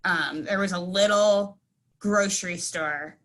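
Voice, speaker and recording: A woman's voice: lowish voice, takes it slowly, a bit bright. A woman from central Illinois sharing a childhood story on a video call in a friendly, rambling way, with lots of fillers. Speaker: meeting participant. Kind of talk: casual storytelling.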